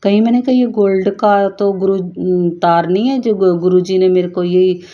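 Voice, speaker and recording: A woman giving an earnest personal devotional testimony, talking in a halting way with frequent restarts. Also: mid-range voice. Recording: dull lo-fi voice note.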